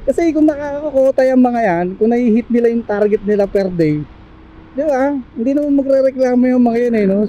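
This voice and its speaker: High-voiced, dark-toned chatty man. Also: highs cut off. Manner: chatty, laughs often, keeps adding tag questions; apologetic, joking asides. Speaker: delivery rider vlogger. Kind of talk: casual chat to viewers.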